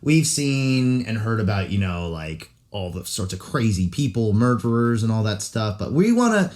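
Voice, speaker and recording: A man's voice: on the low side, sing-song, moderate pace, darkish tone. A young man from California co-hosting a podcast in casual chat, joking loosely with many fillers. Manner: loose, jokey, full of fillers. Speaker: podcast co-host.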